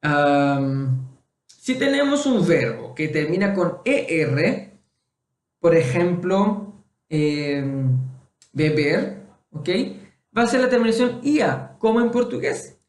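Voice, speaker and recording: Man, Spanish teacher, casual lesson, slightly high voice, echoey room. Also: animated, slow pace. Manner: patient, repeats and checks in with the listener. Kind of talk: casual online Spanish lesson for Portuguese speakers.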